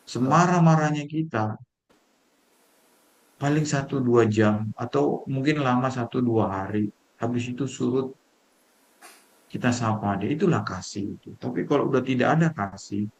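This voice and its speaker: A man's voice: medium pitch, vocal fry, low-quality recording. Conversational man teaching in a group call. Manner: conversational, addresses listeners as "Bapak Ibu", tag questions. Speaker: teacher leading a discussion. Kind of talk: casual spoken teaching on marriage and love.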